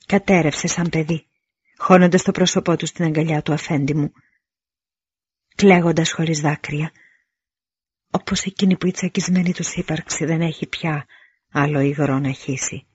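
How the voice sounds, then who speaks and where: A man narrating an audiobook in a measured, deliberate reading with dramatic pauses. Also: a little high, fairly even intonation, slightly rough, dry recording, dull audio.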